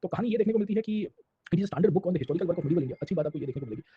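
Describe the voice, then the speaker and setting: A man's voice: high-pitched, lively intonation, fast, breathy edge, highs cut off. A male history teacher giving a classroom lecture, mixing Hindi and English and constantly checking that students understand. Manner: mixes Hindi and English, asks "samjhe?" and "sir" constantly.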